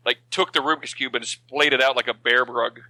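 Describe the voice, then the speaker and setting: A man's voice: mid-range voice, steady tone, fairly quick, bright, forceful tone, dry recording, rough recording. A man co-hosting a podcast, playful and teasing, laughing often. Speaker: podcast co-host. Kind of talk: casual podcast banter.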